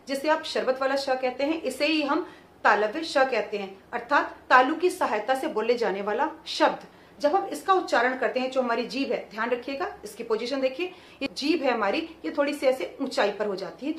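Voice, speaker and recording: A woman teacher explaining pronunciation to young children, sounding out each example slowly and carefully. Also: high voice, roomy sound. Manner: slow, careful sound-by-sound demonstration. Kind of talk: children's lesson.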